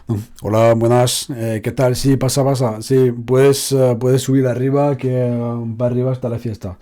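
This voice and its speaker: A man putting on a Barcelona Spanish accent to play a calm man greeting guests at a party. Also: mid-range voice, normal speed, close to an everyday voice. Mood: easy welcome. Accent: Spanish from Spain, Barcelona, as imitated.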